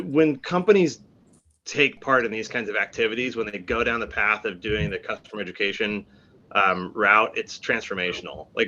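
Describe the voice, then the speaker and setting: A man's voice: lowish voice, pushed and bright. Man on a bad, muffled call line. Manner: earnest, many restarts, builds in force. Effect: bad connection, dull lo-fi call audio. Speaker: community guest speaker. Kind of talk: informal thank-you speech on a video call. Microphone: video call. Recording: dull lo-fi video call line.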